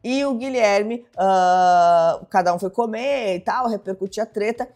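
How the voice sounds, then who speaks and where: A woman's voice: medium pitch, unhurried, a little mellow. A woman hosting a chatty, dramatic reality show gossip recap. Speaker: host.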